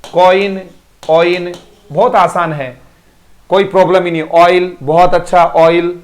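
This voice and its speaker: Drilling pronunciation by repeating words, this male English teacher leads a live online class and calls out praise to students by name. His voice is high-pitched and slow, with little movement in pitch.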